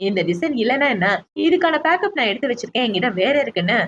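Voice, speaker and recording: A woman narrating a drama recap as a story, briskly retelling each scene and speaking the characters' lines herself. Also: fairly high pitch, very animated, lo-fi sound, slight background noise.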